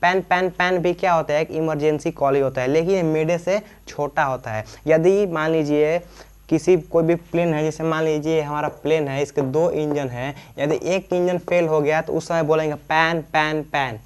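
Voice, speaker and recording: In a casual lesson on aviation terminology, a man with a slightly high, smooth voice talks at normal speed with a steady tone. He tends to repeat points, pose and answer his own questions, and frequently checks in with listeners.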